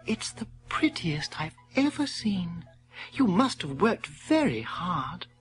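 A man putting on a soft gentle princess. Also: high-pitched, very animated, slow pace, music in the background, heavily acted. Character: kind gentle young princess.

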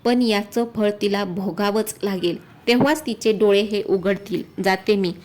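Old woman, stern and wrathful, woman reader doing the voice, slow delivery, folk tale. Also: mid-range voice, darkish tone, natural voice. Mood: indignant.

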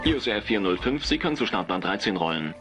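A calm air traffic controller giving brisk, clipped orders. Music runs under the voice. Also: male voice, lowish voice. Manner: clipped, instructing.

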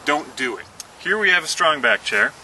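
A man, the inventor, presenting and demonstrating his product in an earnest pitch, talking through each movement. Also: sing-song, normal speed, sharp tone. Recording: slightly distant mic, faint outdoor noise.

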